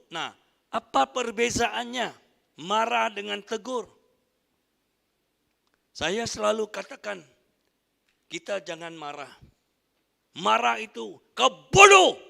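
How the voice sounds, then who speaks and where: Gravelly older pastor preaching. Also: male voice, very high voice, bright, forceful tone. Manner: emphatic preaching with frequent hallelujahs. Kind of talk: sermon. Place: church hall. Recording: long church hall reverb.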